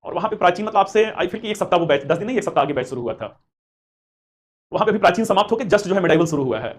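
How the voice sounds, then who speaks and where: A male history teacher runs a live class for exam aspirants, talking at a rapid clip in a fairly high voice. He is encouraging and chatty and calls his students beta. He slips English phrases into his explanations. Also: expressive. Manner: mixes Hindi with English terms. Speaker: history teacher for civil service exam coaching. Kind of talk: live online class with chat questions.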